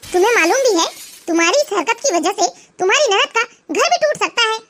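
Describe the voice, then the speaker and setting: A woman voicing a harsh older mother-in-law who scolds and threatens in a shrill voice. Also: expressive, a little fast, fairly bright tone. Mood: scolding.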